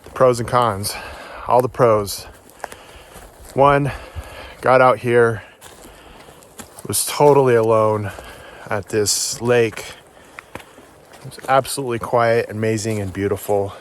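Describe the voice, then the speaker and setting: A man's voice: mid-range voice, steady tone, takes it slowly, pauses often, a little hiss or hum. A man vlogging outdoors on a forest hike, upbeat and encouraging, out of breath as he climbs. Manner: upbeat, encouraging, talks while hiking. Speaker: solo backpacking vlogger. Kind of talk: casual outdoor vlog to camera.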